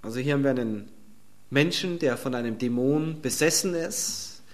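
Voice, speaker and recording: A man's voice: medium pitch, normal speed. A male pastor preaching a sermon in an emphatic, conversational way and chuckling between points.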